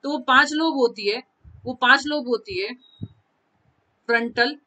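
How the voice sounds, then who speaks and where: A woman's voice: high voice, unhurried, sharp tone, poor audio. A woman teacher giving a live online class, repeating key terms and calling on students by name. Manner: mixes Hindi and English terms, repeats key phrases; addresses students by name from chat.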